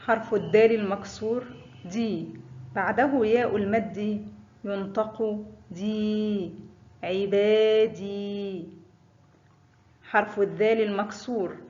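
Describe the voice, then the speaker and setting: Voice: medium pitch, reverberant, dull audio. An Arabic teacher reciting a phonics lesson, stretching out each example word after stating the rule. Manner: drawn-out example words after brisk letter rules.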